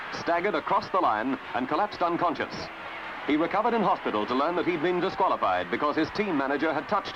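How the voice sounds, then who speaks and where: Old newsreel narrator, guy, punchy dramatic delivery, bit high, muffled old sound. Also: noisy background. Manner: crisp, declamatory, with dramatic emphasis. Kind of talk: 1950s newsreel commentary. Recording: dull lo-fi 1950s newsreel soundtrack with music.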